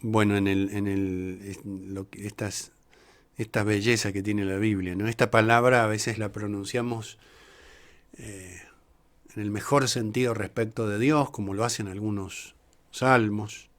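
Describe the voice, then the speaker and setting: A man, a priest teaching a Bible class in a slow, reflective way, pausing often and reading verses aloud. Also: on the low side, steady tone.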